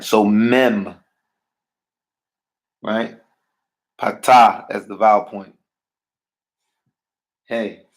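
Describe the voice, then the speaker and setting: A man teaching a language class in a slow, unhurried way. His voice is gravelly with a touch of fry. He keeps checking in with "right?" and asks his students questions. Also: fairly low pitch. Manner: checks in often with "right?" and "all right?". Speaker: Hebrew teacher. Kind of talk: classroom lesson.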